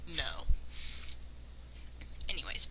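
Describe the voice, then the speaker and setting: Whispering very slowly with a sharp tone, a woman reads fan fiction aloud dramatically as an amateur commentator. She interrupts with casual, sarcastic, nitpicking remarks, hesitant in the asides, and the home recording is clearly noisy.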